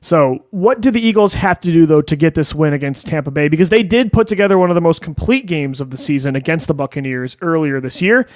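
A man's voice: fairly high pitch, quick pace, few pauses, dry recording. A man hosting a sports podcast, talking in an incredulous, conversational way. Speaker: podcast host. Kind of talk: casual sports chat.

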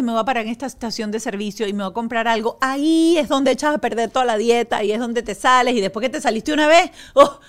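A woman with a fairly high voice hosts a talk show. She chats in a lively, storytelling way and reads sponsor messages in the same easy tone. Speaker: host. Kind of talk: casual chat with live ad reads.

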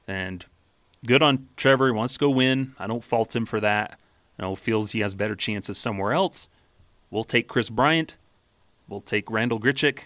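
A man hosting a sports podcast, brisk and matter-of-fact, rattling off statistics. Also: on the low side, a bit bright, dry recording. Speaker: podcast host. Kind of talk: sports podcast, reading stats.

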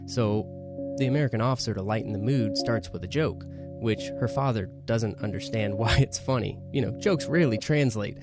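Chatty low-voiced male podcast host. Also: fairly quick, hardly any pauses, loud music behind the voice. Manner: relaxed, chatty, retelling conversations. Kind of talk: casual podcast storytelling.

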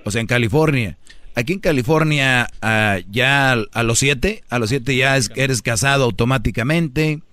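A man's voice: medium pitch, normal speed, a bit bright. A man from Monterrey hosting a radio call-in show, giving blunt, teasing advice. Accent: northern Mexican. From Monterrey, Mexico. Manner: blunt, teasing, repeats callers' nicknames. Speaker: radio show host taking calls. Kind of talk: casual call-in advice talk.

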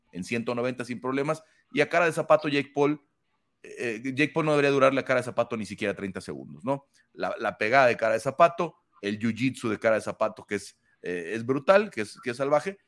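A man hosting a combat sports panel, talking fluently and emphatically with many fillers and tag questions. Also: medium pitch. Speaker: host of an MMA analysis panel. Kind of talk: casual panel commentary.

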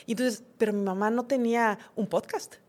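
A woman's voice: on the high side, fairly even intonation, fairly quick, a little mellow. A middle-aged woman, a podcast guest, talking reflectively in a conversational interview and acting out her own inner dialogues.

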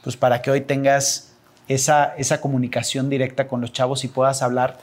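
A man's voice: medium pitch, little pitch movement, brisk. Mexican male host, reflective and encouraging, mid-range voice. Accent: Mexican Spanish. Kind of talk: casual interview chat.

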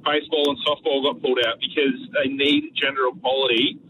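A man's voice: medium pitch, little pitch movement, brisk. Noisy phone line, argumentative Australian man. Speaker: radio phone-in caller. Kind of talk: casual argument. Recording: distant, muffled, noisy phone call to radio.

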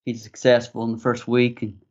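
A man's voice: medium pitch, monotone, fairly quick. Young Arkansas man, slightly muffled recording. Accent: Arkansas Southern American. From Arkansas, USA. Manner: rambling, peppered with "you know". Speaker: podcast guest. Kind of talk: casual interview storytelling.

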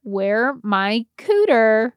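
A woman co-hosting a comedy podcast in casual chat, reading list items aloud in an animated way and laughing often. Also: on the high side, drawn-out words, clear, resonant tone, dry recording, clean studio sound. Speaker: podcast co-host.

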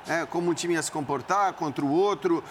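Measured man, high voice. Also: a little hiss or hum. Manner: measured, builds long qualified arguments. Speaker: football pundit. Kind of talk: studio football debate.

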